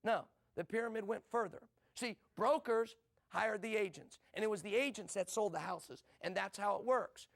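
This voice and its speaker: A man's voice: high voice, moderate pace, gravelly. A middle-aged man from the USA giving a motivational business seminar talk, asking rhetorical questions and repeating short punchy lines. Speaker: business speaker.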